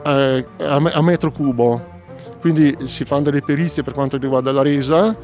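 A middle-aged man with a Trentino Italian accent explaining things in a measured way during an outdoor interview by a lake, speaking into a handheld mic. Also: medium pitch, darkish tone, faint music behind. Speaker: local commons committee representative. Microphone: handheld mic close up.

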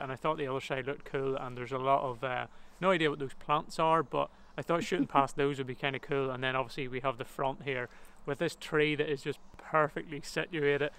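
A man's voice: mid-range voice, sharp tone, clear, resonant tone, low-quality recording. A man giving casual, rambling commentary while taking photos outdoors at an abandoned building, with many fillers and restarts. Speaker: photographer and vlogger.

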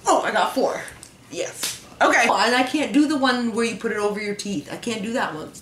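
A woman's voice: fairly high pitch, brisk, background noise. A woman hosting a casual vlog, chatting while chewing gum, chatty and self-mocking, with casual swearing. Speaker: vlog host. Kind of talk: casual chat. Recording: echoey room.

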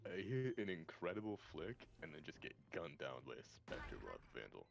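Low, gravelly, very animated man gamer. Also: normal speed. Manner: teasing, joking. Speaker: gaming teammate. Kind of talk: casual gaming voice chat.

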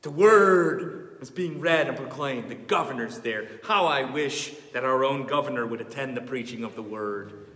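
A man preaching an expository sermon, swinging between loud fervor and hushed earnestness. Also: mid-range voice, normal speed. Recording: echoey hall with long reverb.

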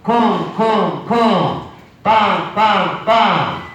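A high-pitched man leads seniors through a clapping game and chants each beat slowly and steadily. He sounds far from the mic, and the room echoes heavily around him with a faint hiss underneath. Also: lively intonation, a bit bright, lo-fi sound. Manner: rhythmic chanting of sound words, coaxing elders. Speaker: senior recreation instructor. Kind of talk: leading a clapping game class.

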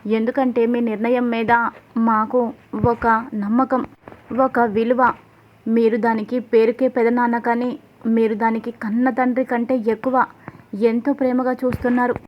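This is a middle-aged mother begging her brother-in-law, respectful and earnest, as a woman reads her. The voice is high and flat, and the recording is slightly dull. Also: moderate pace, a little hiss or hum, natural voice. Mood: pleading. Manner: pleading, respectful.

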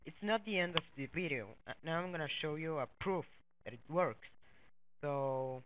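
A young man, not a native English speaker, walks through a software tutorial in a halting way, repeating words and using many fillers. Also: on the high side, clean tone, no room sound. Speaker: tutorial host. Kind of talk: casual screen-recorded tutorial walkthrough. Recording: dull lo-fi dry mic.

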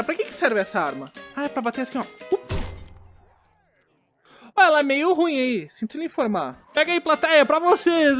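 A woman giving casual, excitable gameplay commentary as a gaming YouTuber, playfully talking back to the characters on screen. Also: high voice.

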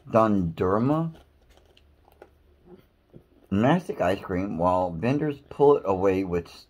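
A man's voice: fairly low pitch, darkish tone, slightly rough. A man co-hosting a casual snack-tasting video, teasing his partner and reading product blurbs aloud.

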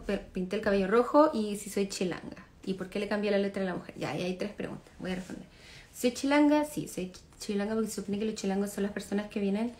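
Sitting indoors in her living room, a Chilean woman in her thirties livestreams on a phone camera held at arm's length, reading fans' comments as a singer chatting with them. Her delivery is loose and relaxed, with a dark, mellow, mid-range voice, frequent laughter, and sentences that trail off into fillers.

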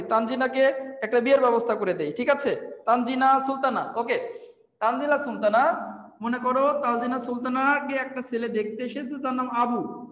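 A man's voice: extremely high pitch, fairly bright tone, roomy sound, long reverb tail, low-quality recording. A man with a Bangladeshi Bengali accent, teaching an online admission test class, drilling students with questions and spinning memory-trick stories. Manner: teaches memory tricks through playful storytelling.

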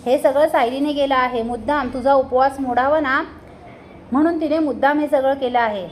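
Woman playing a scheming young woman, sly, feigning innocence, high voice. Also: normal speed, slight background noise, natural voice. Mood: feigned innocence.

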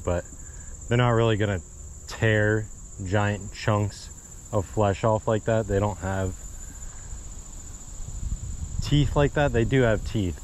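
A man with a lowish, slightly mellow voice thinks out loud in easygoing commentary as he fishes a marsh pond for his vlog. He's wearing an action camera on his body, and the recording carries a bit of hiss or hum.

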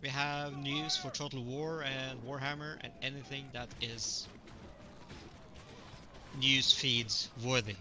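A man's voice: medium pitch, slow pace, pauses often, slight background noise. A man streaming a strategy game, chatting casually with viewers as he plays. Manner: relaxed, chatty, greets viewers. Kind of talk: live gaming commentary.

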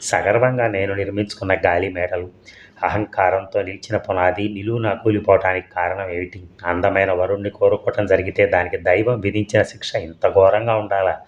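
A man narrating an audio story in a steady, unhurried read. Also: low-pitched. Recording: dull lo-fi audio.

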